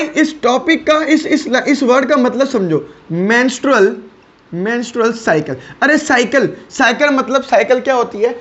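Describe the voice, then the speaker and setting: High-voiced chatty male biology teacher. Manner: chatty, repeats questions to students and answers them. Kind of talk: online lecture. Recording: dull lo-fi recording.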